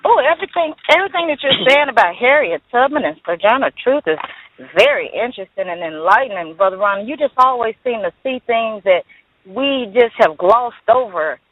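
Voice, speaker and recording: A woman's voice: a little high, animated, fairly quick. A woman calling in to a radio talk show, speaking earnestly and emphatically over a crackly phone line that fades in and out. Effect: crackly phone line, fading in and out. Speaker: caller. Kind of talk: call-in radio chat.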